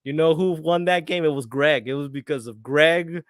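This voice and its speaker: A man hosts a live soccer watchalong, reacting excitably to every moment and slipping into when he gets emotional. His voice sits fairly high. The sound is dry and close to the mic, with no room echo. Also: normal speed. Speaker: watchalong host. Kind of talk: live match commentary to viewers.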